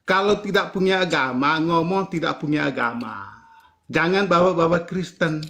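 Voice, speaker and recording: A man with a high voice challenges someone in a live debate. He is argumentative and insistent, cutting in and repeating short phrases to press his point. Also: moderate pace, gravelly, pushed and bright. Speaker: debate participant challenging the host.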